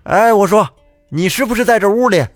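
An agitated old fox demon, as a male storyteller puts him on, high and pushy, firing questions through a window. The voice sits well above the teller's own. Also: a little fast, no echo, faint music behind, close to an everyday voice. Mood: pressing.

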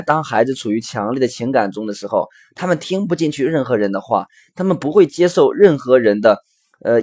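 A man's voice: mid-range voice, a little mellow, husky. A man hosting a recorded parenting lesson, explaining earnestly with frequent fillers and acting out the dialogue of his examples. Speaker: parenting educator and podcast host.

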